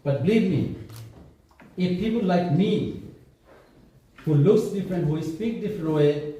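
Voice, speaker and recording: A middle-aged man from Bangladesh giving a halting speech full of fillers and restarts, as a councillor at an event. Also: high-pitched, animated, warm tone, lo-fi sound. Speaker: city councillor. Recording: echoey hall, voice from far off.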